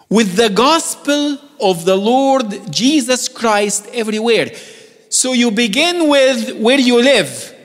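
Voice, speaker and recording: Male guest preacher, high voice, playful asides that rise to urgent calls, church reverb. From Egypt. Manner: joking, building to emphatic urgent calls. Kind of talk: sermon. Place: church sanctuary.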